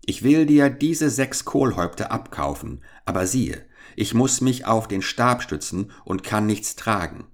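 A man reading a fairy-tale audiobook, voicing a hoarse, spiteful old witch who mutters, mocks and repeats her words in a sing-song. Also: lowish voice, animated, measured pace, voice pushed up. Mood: grim.

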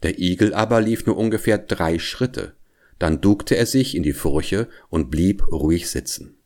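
Low-voiced man telling a fairy tale. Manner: expressive, measured storytelling. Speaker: storyteller.

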